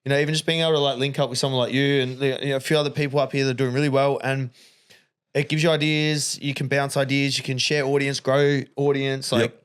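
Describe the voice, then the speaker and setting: A man's voice: mid-range voice, little pitch movement, fast talker, clear, resonant tone. A young man from Melbourne with an Australian accent, hosting a podcast in casual, slangy, rambling chat. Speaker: podcast host.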